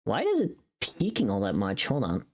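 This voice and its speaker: A woman livestreamer chats casually while working on stream, muttering to herself, repeating phrases, rambling and swearing freely. Her voice is husky and rumbling low, with wildly swooping pitch at a moderate pace.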